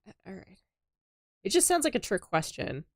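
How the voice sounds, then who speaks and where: A woman's voice: medium pitch, sing-song, normal speed, no room sound, clean studio sound. A woman co-hosting a gaming stream in casual chat, quizzical and playfully skeptical. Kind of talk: casual chat while playing.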